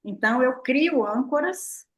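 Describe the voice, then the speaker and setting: A woman's voice: sits high, measured pace. An older woman speaking as a therapist, in a casual, playful talk, often asking herself questions. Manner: lively, playful, full of "né?" and rhetorical "o quê?". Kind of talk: casual explanatory talk to a live online audience.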